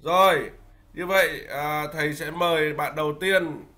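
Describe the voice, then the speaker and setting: A man teaching an online English class to young children. He coaxes patiently and says English phrases slowly for them to repeat. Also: a little high, steady tone, sharp tone. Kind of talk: online class teaching, mixing Vietnamese instructions with English drills. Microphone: video call.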